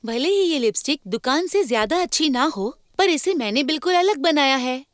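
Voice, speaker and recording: A high, lively female voice with lots of pitch movement for a playful young woman in a film. She teases and explains eagerly. The sound is dry and close. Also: normal speed, no room sound. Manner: teasing, animated. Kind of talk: Hindi film dubbing.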